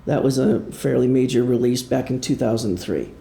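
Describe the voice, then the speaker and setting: Before an audience in an indoor room, an author and musician gives an informal presentation about his own creative work, speaking haltingly, conversationally, and with self-deprecation. His medium-pitched voice is gravelly and dark. The sound is roomy, like a live presentation.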